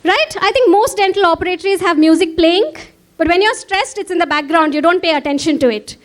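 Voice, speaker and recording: High-voiced woman giving an engaging lecture. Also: lively intonation, brisk. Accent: Indian English. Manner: engaging, asks the audience frequent questions. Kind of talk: conference lecture.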